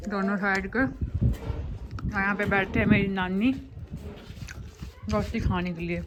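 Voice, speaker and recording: A woman talks casually to her viewers while she walks a phone camera through a family home. Her voice sits at a middle pitch. A faint noise runs under the recording. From Himachal Pradesh, India. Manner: chatty, walking and showing rooms. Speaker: vlogger. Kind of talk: casual home tour vlog. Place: house and rooftop in a hill village.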